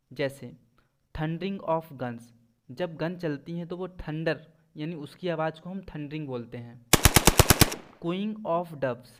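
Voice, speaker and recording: A man teaching English poetic devices in Hindi, reading out English examples slowly and then explaining them, often asking a question and answering it himself. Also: a little high. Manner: asks and answers his own quiz questions.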